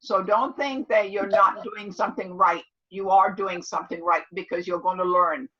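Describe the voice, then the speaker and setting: Through a muffled recording comes a seventy-year-old instructor giving her class a casual motivational talk. Her medium-pitched voice holds a steady tone at a moderate pace, loud and clear. Emphatic and motherly, she uses pet names for her listeners and repeats herself often to make sure she's understood.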